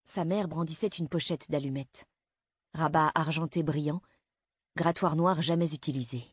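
Female narrator, low husky voice, measured dramatic reading. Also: no echo, clean studio sound. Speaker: audiobook narrator. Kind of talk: scripted narration.

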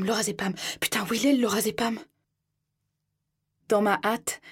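A woman reading a first-person audiobook in a tense, hushed storytelling manner. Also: mid-range voice, husky. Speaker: narrator.

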